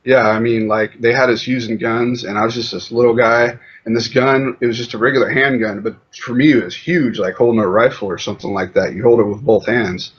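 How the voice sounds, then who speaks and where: An interview guest with a mid-range, slightly rough male voice speaks a little fast with few pauses and fairly even intonation. He rambles loosely through a casual conversational interview, leaning heavily on fillers like "you know." The audio is muffled and lo-fi.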